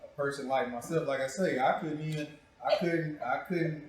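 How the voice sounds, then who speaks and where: Recorded on a distant mic in a very echoey room, a man hosts a talk show full of casual, profane joking. His voice is a little high and his pace moderate, and he teases playfully, often repeating himself.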